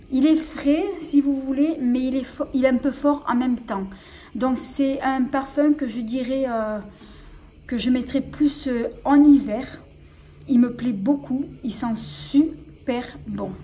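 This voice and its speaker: A woman's voice: sits high, dark tone, a little hiss or hum, poor audio. A woman vlogger chatting casually about her collection, hesitant and full of fillers and restarts. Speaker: beauty vlogger. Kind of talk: casual show-and-tell vlog.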